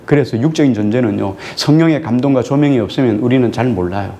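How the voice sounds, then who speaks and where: A male pastor preaching a sermon to his congregation, putting questions to them and answering them himself, and drawing out key words slowly for emphasis. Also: mid-range voice, mellow. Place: church sanctuary.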